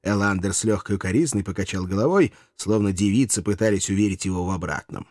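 A man's voice: low voice, fast talker, darkish tone, no echo, clean studio sound. A man narrating a comic fantasy audiobook in the first person, with a wry, ironic manner.

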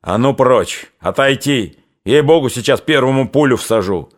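A man's voice: medium pitch, expressive, moderate pace, voice pushed up, natural voice. A man voicing a desperate, threatening male soldier who looks like a miner, in a spoken audiobook.

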